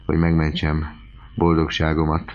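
A man's voice: very deep voice, completely flat delivery, darkish tone. A man voicing a distraught young countess who confesses in a pleading, breathless way. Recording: slightly muffled lo-fi recording.

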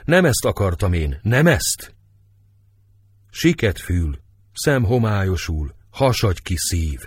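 A man voicing a grief-stricken middle-aged nobleman, declaiming slowly and with passion in a husky voice. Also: low voice, very animated, dry recording, clean studio sound, full character voice. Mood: anguished. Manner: impassioned, declamatory, slow and heavy.

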